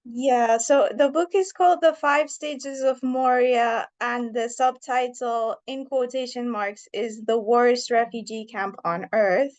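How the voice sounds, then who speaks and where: A woman in her thirties who grew up partly in Iran answers an interviewer's questions about her writing. She speaks earnestly, thinking aloud, and her voice sits a little high. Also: fairly even intonation, slow, hardly any pauses, a little mellow. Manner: thoughtful, earnest, with fillers. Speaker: author.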